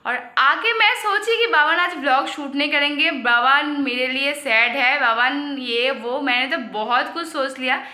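A woman's voice: high voice, unhurried, hardly any pauses, pushed and bright, echoey room. A young woman with a Bengali accent, speaking curtly and sulkily to camera in a casual couple vlog. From Kolkata, India. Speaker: vlogger.

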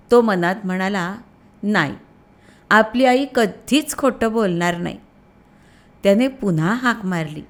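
A woman narrating a storybook tale for children in a slow, expressive storytelling manner. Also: medium pitch.

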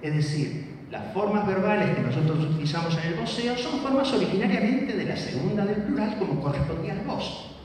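A man's voice: sits high, lively intonation, brisk, a little mellow. A man giving an academic lecture, teaching and checking in with his listeners. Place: lecture hall. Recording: echoey hall from far off.

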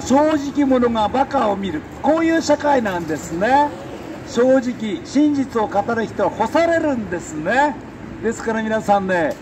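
A middle-aged man giving an emphatic, halting, colloquial street speech into a handheld microphone. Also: high voice. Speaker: defeated election candidate, street speaker. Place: outdoors beside a busy city road. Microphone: handheld microphone held close. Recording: noisy city street with traffic.

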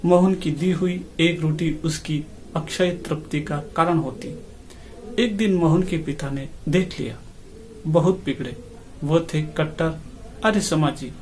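A man narrating a classic short story in a measured, steady reading voice. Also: on the high side. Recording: faint background noise.

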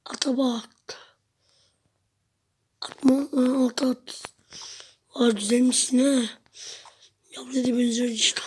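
Brief: woman gameplay host, high and even-toned, chatty self-talk with sudden shouts, faint hiss and clicks behind. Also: slow pace, long pauses, slightly rough. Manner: chatty, talks to herself and viewers, sudden loud outbursts. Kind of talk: casual gameplay commentary.

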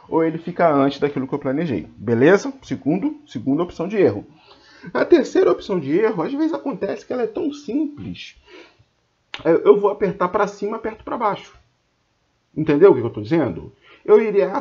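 A high-voiced Brazilian man gives a casual trading lesson, his pitch swinging widely as he scolds and jokes with viewers. The sound is dull and lo-fi. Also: brisk. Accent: Brazilian Portuguese. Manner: animated, colloquial, scolding and joking with viewers. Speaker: trading instructor. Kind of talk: informal screen-share trading lesson.

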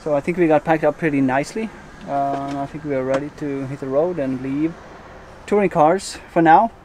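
Brisk and somewhat high-pitched, a forties-aged travel vlogger rambles to a handheld camera at arm's length, in a parking lot outside and later in a van. His relaxed narration is packed with fillers and false starts, and the background is noisy.

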